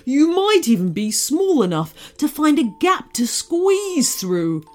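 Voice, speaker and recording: A woman's voice: high-pitched, very animated, slow, darkish tone, faint music behind, pitched above the performer's own voice, heavily acted. A woman voicing a small, brave male cotton dog who speaks urgently and emphatically.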